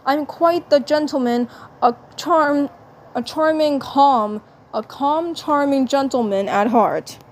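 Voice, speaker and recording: A woman's voice: high-pitched, pitched above the performer's own voice. Woman voicing Marvin the Martian, prim and pompous. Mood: haughty. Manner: prim, haughty, slow and deliberate. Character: pompous male Martian, self-styled gentleman. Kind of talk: fan story reading.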